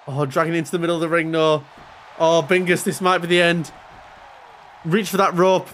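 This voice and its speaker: A man co-hosting a casual game stream, calling wrestling matches with excitable play-by-play and dry jokes. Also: fairly high pitch, normal speed, slight background noise. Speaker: co-host and wrestling commentator.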